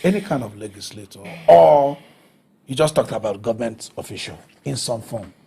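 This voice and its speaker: A man's voice: mid-range voice, animated, normal speed, vocal fry, dark tone, slightly rough. A man hosting an interview who affirms his guest with short prompts and steers the talk along. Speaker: interview host.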